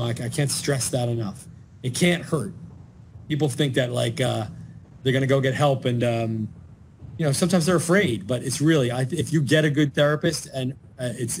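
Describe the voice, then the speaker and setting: A man's voice: medium pitch, a little hiss or hum. A middle-aged man, a mental health and addiction counselor, giving earnest advice in an informational talk and telling stories with animation.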